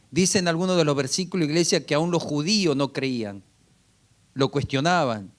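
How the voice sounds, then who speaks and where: Pastor guy, fairly high voice, preaching and firing questions at the church. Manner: preaching with rhetorical questions and repeated calls to the congregation. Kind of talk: sermon.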